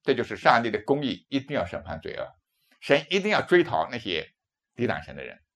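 A man's voice: mid-range voice, wildly swooping pitch, brisk, gravelly, fairly bright tone. A man in his fifties from China, preaching a sermon with emphatic rhetorical questions. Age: 50s.

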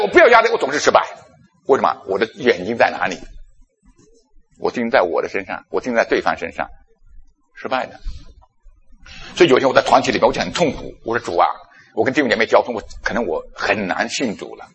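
Husky animated male preacher in echoey hall. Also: fairly low pitch, fast talker. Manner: animated storytelling, acting out his own past self. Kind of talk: sermon with personal stories. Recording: long echo of a large hall.

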